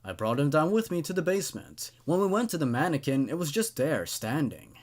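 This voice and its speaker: On the high side and sing-song, his voice moves a little fast. He hosts a horror story review show, reading amateur horror stories and rambling about them in a hesitant way, repeating words while he thinks.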